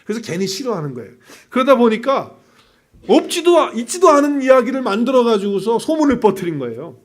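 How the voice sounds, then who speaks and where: A male pastor preaching a sermon emphatically, swinging from hushed asides to loud, insistent points and asking rhetorical questions. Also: very high voice, sing-song, brisk.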